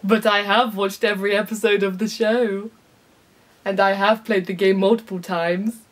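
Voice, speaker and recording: A woman's voice: mid-range voice, level tone, moderate pace, soft background music. A young British woman doing a bubbly, jokey review of a video game, with playful squeals and sing-song asides. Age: young adult. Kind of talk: upbeat comedic game review.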